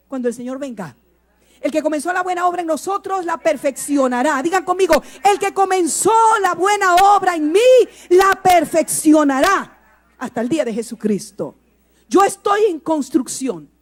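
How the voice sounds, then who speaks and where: A woman pastor preaching a sermon in a church, leading the congregation in call-and-response and repeating phrases for emphasis. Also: very high-pitched. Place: church sanctuary.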